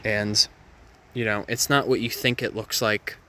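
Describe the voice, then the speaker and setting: A man's lowish, sharp voice carries little pitch movement and a measured pace as he guides a nature walk in a Florida hammock woodland. Chatty and self-amused, he explains the plants with asides and puns aimed at himself in this outdoor educational walk-and-talk.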